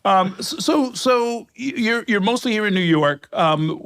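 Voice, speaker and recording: A man hosting a television sit-down interview, chatting in a halting, conversational way full of fillers. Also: high-pitched, lively intonation, fairly bright tone, smooth, dry recording. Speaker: interviewer, show host.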